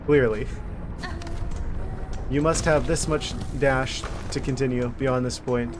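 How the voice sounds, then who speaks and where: A man giving casual, wry gameplay commentary as a streamer, thinking out loud. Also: mid-range voice, steady tone, slow pace, background noise. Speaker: game streamer.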